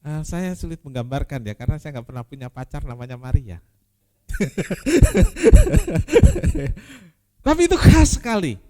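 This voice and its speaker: A man preaching a sermon as pastor, repeating key phrases and swinging from loud emphasis to quiet, intimate asides. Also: medium pitch, very animated, fast, few pauses, clear, resonant tone.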